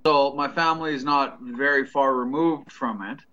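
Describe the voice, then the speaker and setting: A man's voice: medium pitch, fairly even intonation, moderate pace, bright, forceful tone, clean tone, muffled recording. A Canadian man chatting casually on a podcast, hesitant and full of ums and restarts, but blunt and profane.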